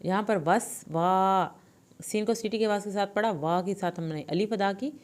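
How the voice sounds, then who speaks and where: A woman teaching Quranic recitation with tajweed, explaining the pronunciation of each word patiently and step by step. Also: mid-range voice. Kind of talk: Quran recitation lesson with slow drawn-out recitation.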